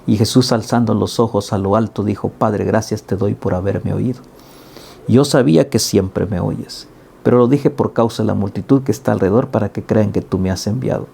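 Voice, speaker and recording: A middle-aged man preaches a daily Bible sermon. His voice is dark and gravelly with a husky edge. He speaks earnestly and climbs to emphatic highs for the scripture quotes. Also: normal speed. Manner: earnest, rising to emphatic peaks when quoting.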